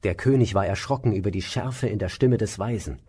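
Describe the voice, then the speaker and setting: A man calmly reading an old legend aloud in a measured way. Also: lowish voice, husky. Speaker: storyteller.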